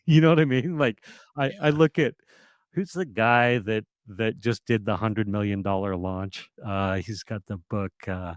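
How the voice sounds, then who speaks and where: A man appears as a podcast guest in a casual interview, speaking with a fairly low, powerful voice that projects. He is animated and laughs a lot, but keeps a measured pace, and the studio sound is clean with no echo.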